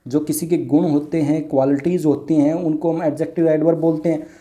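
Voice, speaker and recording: A man teaching an English grammar lesson, explaining step by step and answering his own questions, reading each example sentence slowly and drawn out. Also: a little high, fairly even intonation, mellow. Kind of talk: classroom lesson.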